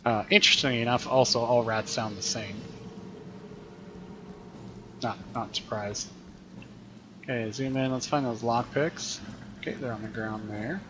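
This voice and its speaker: A man talking through a video game as a teacher, chatty and explanatory, thinking aloud as he plays. His voice sits in a middle pitch, with faint room noise behind him. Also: steady tone, measured pace, pauses often. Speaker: teacher streaming gameplay. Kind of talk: casual gameplay commentary.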